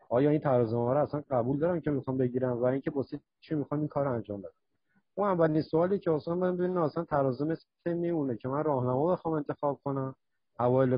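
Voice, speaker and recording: A man's voice: mid-range voice, breathy edge, no echo. A man at a recovery meeting, talking plainly and conversationally with a slight joking touch, over an online call. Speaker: recovery meeting member sharing. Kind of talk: casual reflective sharing. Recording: dry, dull online call audio.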